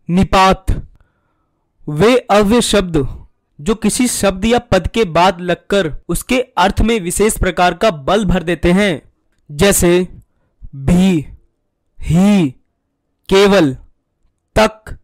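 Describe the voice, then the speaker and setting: A man narrating a scripted Hindi grammar lesson, listing examples one by one in a measured way. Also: sits high, dry recording.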